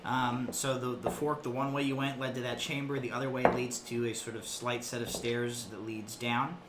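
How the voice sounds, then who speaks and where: Halting male game master, echoey room. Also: medium pitch, little pitch movement, background noise. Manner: halting, searching for words. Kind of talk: narrating a tabletop game. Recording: echoey room, loud background music.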